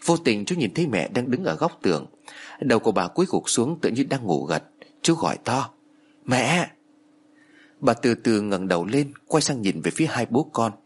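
A man narrating a horror story with expressive storytelling. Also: mid-range voice, fairly quick, husky. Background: faint music.

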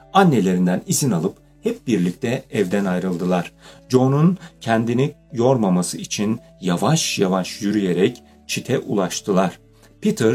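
A man narrates a children's audiobook in a steady, measured way. His voice sits low and slightly husky. Faint music plays softly beneath him. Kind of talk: scripted narration.

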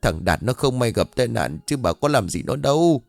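A man voicing a weary older father in a spoken ghost story, gruff and scolding. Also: mid-range voice, big pitch swings, moderate pace, no room sound, faint music behind. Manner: gruff and scolding, tired sighs. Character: weary older father holding the family together.

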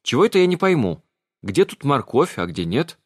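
A man reading an audiobook, voicing a bold, cheeky young village girl in a brisk manner. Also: medium pitch, sing-song, breathy edge, no room sound, clean studio sound, pitched above the performer's own voice. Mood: impatient.

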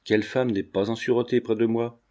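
A man's voice: mid-range voice, fairly even intonation, a little fast, dark tone, natural voice. A man reading aloud and voicing an earnest, romantic young painter who speaks firmly. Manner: firm, earnest.

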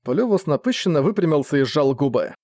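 A man narrating a fantasy audiobook with expressive storytelling. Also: a little high, a little fast, dry recording, studio quality.

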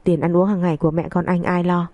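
A defiant young wife who talks back in a cool, cutting, mocking way, voiced by a woman narrator. Her voice is low and dark, recorded dry and close. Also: little pitch movement, fast, no echo, close to an everyday voice. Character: defiant, sharp-tongued young pregnant wife.

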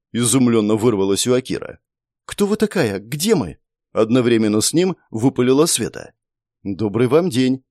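Male audiobook narrator, mid-pitched, expressive, dry close recording. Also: no echo. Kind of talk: scripted fiction narration.

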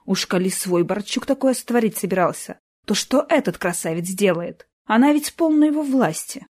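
A woman's voice: mid-range voice, expressive, normal speed, a little mellow. Woman narrating an audiobook.

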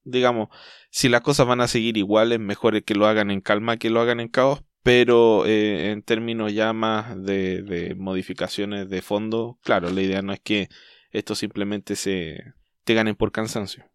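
A Chilean man with a lowish, smooth, resonant voice hosts a casual podcast chat. He talks in a thoughtful, hesitant way, trailing off and restarting mid-thought. The sound is dry and close. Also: little pitch movement, moderate pace, no echo. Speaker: podcast host.

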